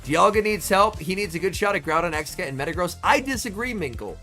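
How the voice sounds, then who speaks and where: Though slightly ill, a young man keeps up chatty, excited live-stream commentary during a tournament watch party, calling out chat members by name. He is high-pitched and quick, with soft music behind him.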